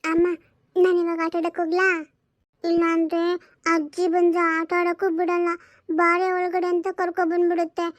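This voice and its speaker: A woman's voice: very high-pitched, monotone, moderate pace, pauses often, no room sound. A woman voicing a sick little daughter who keeps questioning and pleading with her mother in a homemade family drama. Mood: earnest.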